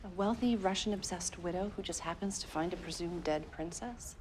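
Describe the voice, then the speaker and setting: An actress playing a brisk, decisive female private detective in a period TV drama. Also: lowish voice, background noise, lightly acted.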